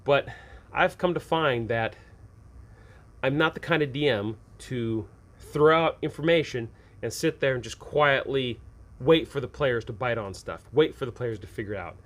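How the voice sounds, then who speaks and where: Speaking at a moderate pace in a mid-range, slightly bright voice, he offers viewers informal advice about running tabletop games. He is conversational and emphatic, and he frequently repeats his points.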